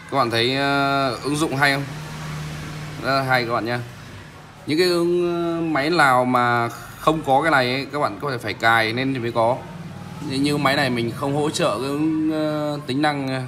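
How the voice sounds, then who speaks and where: A man casually demonstrating a phone app as a vlog host, speaking haltingly with many pauses. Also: mid-range voice, background noise. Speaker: tech vlogger, host.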